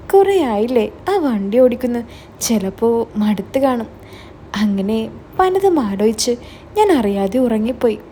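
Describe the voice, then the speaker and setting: Mellow-voiced woman telling a story. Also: on the high side, slight background noise. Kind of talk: first-person story narration.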